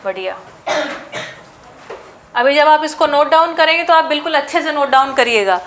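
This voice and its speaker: A woman teacher with an Indian accent, drilling English grammar sentences in a classroom lesson, slow and word by word. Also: high-pitched, expressive, a bit bright.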